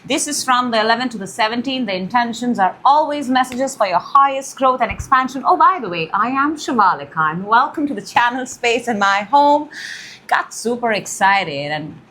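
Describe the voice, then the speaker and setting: A young woman hosting a casual tarot reading at home, excitable and gushing, with loud bursts and soft murmurs. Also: on the high side, moderate pace. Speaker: tarot reader, channel host. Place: room in her home.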